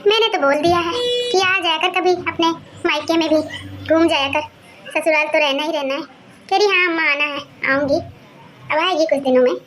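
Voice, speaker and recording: A woman's voice: very high-pitched, normal speed, a bit bright, a little hiss or hum. A woman voicing a tired, thirsty old grandmother in a cartoon who grumbles and scolds. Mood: chatty, grumbling. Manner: scolding, complaining, chatty. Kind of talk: cartoon character voice.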